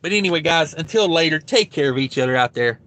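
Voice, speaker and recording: Talking fast with lively intonation, a truck driver hosting his livestream wanders through viewer comments with plenty of fillers, throat getting dry. His fairly high voice is fairly bright, with no room sound.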